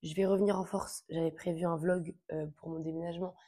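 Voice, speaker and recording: A woman's voice: fairly low pitch, level tone, brisk, mellow. A young woman chatting casually to camera about books she wants to read, informal and full of fillers. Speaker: book vlogger.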